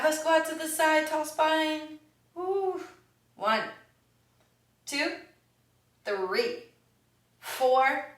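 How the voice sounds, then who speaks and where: A woman leading a yoga exercise class with slow counted cues, upbeat and encouraging, with the hiccups. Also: on the high side, a bit bright. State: has the hiccups. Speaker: yoga instructor. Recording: echoey room, voice from a distance.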